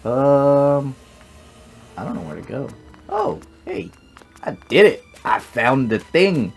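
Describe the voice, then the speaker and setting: A man's voice: mid-range voice, wildly swooping pitch, slow pace, gravelly, husky, soft background music. A young man giving casual, blunt, joking game commentary with plenty of swearing. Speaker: gaming video host.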